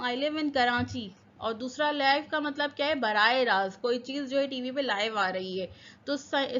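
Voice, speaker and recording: Woman teacher going over english words, spells em out letter by letter, pretty high voice, kinda muffled recording. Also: fairly bright tone. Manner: spells words letter by letter and repeats their meanings; asks the class questions and answers them herself. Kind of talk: vocabulary lesson.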